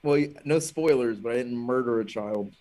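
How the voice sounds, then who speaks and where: A man's voice: mid-range voice, normal speed, mellow. A man from Alabama, a comedian guest, chatting casually on a podcast with a laid-back, self-deprecating manner.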